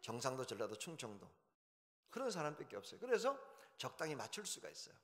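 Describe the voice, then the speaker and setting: A man preaching at a revival service, humorous and anecdotal, animated as he talks. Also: mid-range voice, quick pace, big-room sound. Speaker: pastor. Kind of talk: revival sermon. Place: church sanctuary.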